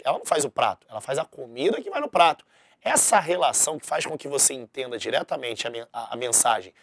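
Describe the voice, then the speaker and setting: A man's voice: a little high, no room sound, studio quality. A man teaching a recorded exam-prep language lesson, explaining step by step and often checking that the class understood.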